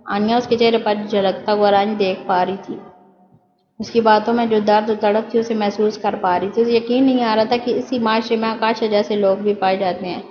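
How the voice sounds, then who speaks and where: A woman narrating a romantic novel with dramatic storytelling, in a dull, echoey recording. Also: medium pitch. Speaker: audiobook narrator.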